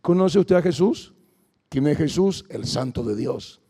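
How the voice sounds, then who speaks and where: Fervent high-voiced male preacher. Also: expressive, unhurried, dark tone, slightly rough. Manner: fervent, exhorting, calls to the congregation. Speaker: pastor. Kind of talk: Pentecostal deliverance sermon. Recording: long reverb in a large hall.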